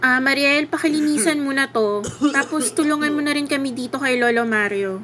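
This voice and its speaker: A woman voicing a caring nurse who gives polite, brisk instructions and calms her patients. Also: high-pitched, a crowd in the background, close to an everyday voice. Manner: soothing yet commanding, polite.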